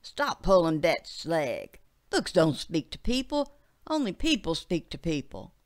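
A cocky country boy who teases and jokes, as a woman narrator voices him. The voice stays close to the reader's own, slow and bouncy, in a storybook reading. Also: fairly low pitch, very animated. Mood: teasing. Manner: teasing, guffawing.

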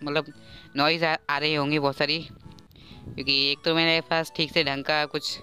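A man's voice: fairly high pitch, little pitch movement, measured pace, sharp tone, soft background music. A man doing game playthrough commentary with amateur dubbing, joking and self-mocking, recorded on an earphone mic held close to his mouth. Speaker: gaming YouTuber.

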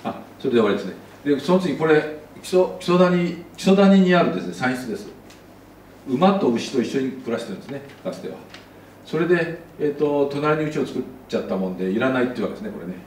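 A man's voice: mid-range voice, lively intonation, fast, darkish tone, roomy sound, distant mic, a little hiss or hum, low-quality recording. A man giving a casual slide lecture as an architect, chatty, with many asides.

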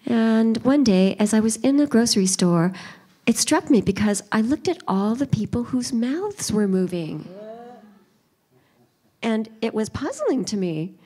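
A woman's voice: on the high side, big pitch swings, measured pace, mellow, breathy edge. A woman interpreting live at a panel, voicing signers' remarks in the first person. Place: auditorium during a live panel.

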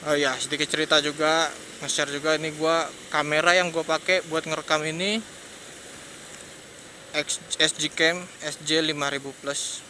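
A man's voice: a little high, level tone, normal speed, bright, forceful tone. A young man with a Jakarta accent rambling casually and hesitantly while riding a motorbike at night, through an action-cam mic. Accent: Jakarta Indonesian. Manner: slangy, hesitant, chatty, laughs often. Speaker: motovlogger. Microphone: external mic on a helmet action cam. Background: traffic and engine noise.

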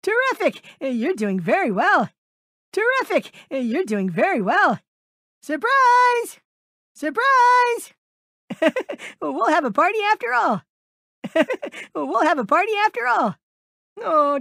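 A man's voice: extremely high pitch, vocal fry, bright, forceful tone, no room sound, clean studio sound, full character voice. A man voicing a small, anxious, kindly piglet for a cartoon video game, stammering politely and hesitantly as he goes. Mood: excited, delighted, then flustered.

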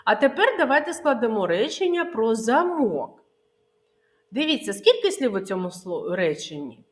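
A woman preschool teacher from Ukraine giving a literacy lesson to small children, saying words slowly and clearly, asking questions and answering them herself. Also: a little high, sing-song.

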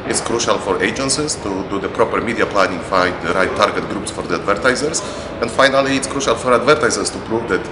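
A man's voice: fairly low pitch, fast talker, hardly any pauses. A man in his forties with a Polish accent, answering interview questions in a conference setting, earnest and hesitant with many fillers. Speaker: interviewee, research company representative. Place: large indoor banquet hall. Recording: echoey hall with room noise.

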